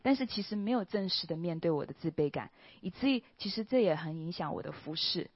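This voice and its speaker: A woman giving an earnest personal testimony at church, speaking with soft pauses and a trailing "ha" particle. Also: lowish voice, animated, husky, no echo. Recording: dull, slightly lo-fi, dry recording.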